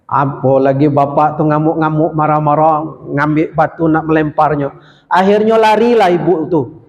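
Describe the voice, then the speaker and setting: A man's voice: fairly high pitch, steady tone, normal speed, lo-fi sound. A male preacher giving a short Ramadan sermon, telling stories and addressing the audience directly. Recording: long hall reverb.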